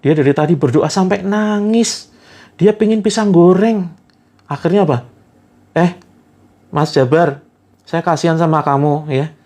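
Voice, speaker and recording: A man's voice: on the high side, measured pace, pauses often, darkish tone. A man voicing a practical, talkative man who speaks in a teasing, casual way. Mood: pitying. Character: practical man, mocking then kindly.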